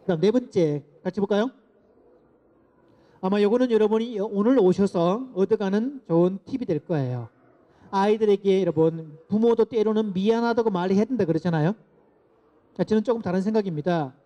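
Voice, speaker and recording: A middle-aged man giving a lecture to parents, lively and asking the audience to repeat phrases after him. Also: high voice, fairly quick. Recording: dull lo-fi lecture recording.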